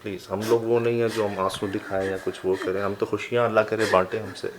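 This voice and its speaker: A man hosting an interview. He speaks calmly and reassuringly, then asks probing questions one at a time. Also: fairly low pitch, fast, a crowd in the background. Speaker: host and interviewer. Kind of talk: conversational interview.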